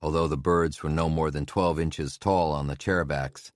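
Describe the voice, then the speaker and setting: Very deep-voiced male audiobook narrator. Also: fairly even intonation, moderate pace, dry recording, clean studio sound. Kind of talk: scripted narration.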